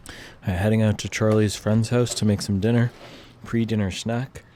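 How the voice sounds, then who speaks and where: A man's voice: on the low side, steady tone, moderate pace, dark tone. Upbeat man narrating a food vlog. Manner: upbeat, clipped food commentary. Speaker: running vlogger. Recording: noisy background.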